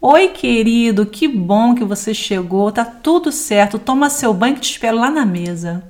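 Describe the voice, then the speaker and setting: A woman's voice: fairly high pitch, animated, moderate pace, a little mellow, lightly acted. A woman with a Brazilian accent playing a wife in a short skit, first curt and dismissive, then loving and welcoming. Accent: Brazilian Portuguese.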